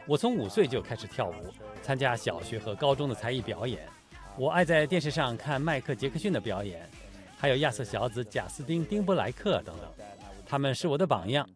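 Lively male dubbed voice-over over music. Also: medium pitch, fairly quick. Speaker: voice-over translator for an interviewee. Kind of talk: first-person dubbed voice-over.

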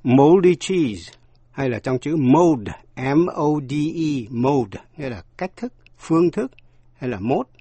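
Slow, husky male English teacher. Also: medium pitch, sing-song, mellow, no echo. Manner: slow, deliberate, spells out words letter by letter. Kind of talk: scripted pronunciation lesson.

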